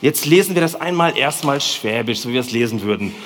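A man preaching a lively, colloquial sermon in a church hall, speaking directly to the congregation. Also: mid-range voice, quick pace, a little hiss or hum. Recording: long hall reverb.

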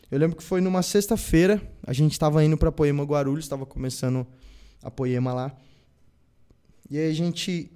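A man's voice: fairly high pitch, mellow, clear, resonant tone. A young Brazilian man, a guest, telling a personal faith story and acting out the dialogue as he goes. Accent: Brazilian Portuguese.

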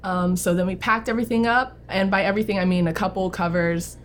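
A woman's voice: medium pitch, steady tone, fast talker, a little hiss or hum. Young woman, from New Orleans, podcast guest, friendly, giggly, casual. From New Orleans, United States. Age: young adult. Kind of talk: casual interview chat.

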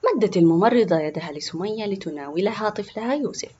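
A woman reading a scripted children's story aloud with expressive narration. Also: mid-range voice, quick pace, highs cut off, slight background noise.

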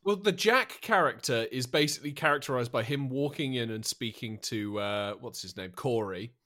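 A man's voice: medium pitch, lively intonation, moderate pace, pushed and bright. A man co-hosting a casual film review podcast, swearing, laughing and acting out scenes. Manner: sweary, laughing, acts out quotes. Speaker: podcast co-host.

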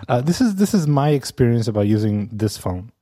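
A man with a mid-range voice co-hosts a podcast from Amsterdam, rambling through casual chat with lots of fillers and restarts and frequent laughter. His pitch swings widely, his pace is brisk, and his tone is dark. The recording is dry and studio quality.

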